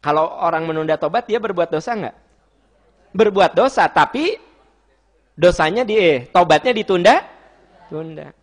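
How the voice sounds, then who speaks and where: A man's voice: high voice, expressive, moderate pace, long pauses. Playful Sundanese-accented male preacher. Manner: playful, teasing, acts out wife and husband in quoted voices; drops to soft gentle tone for advice. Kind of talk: lively sermon to a congregation.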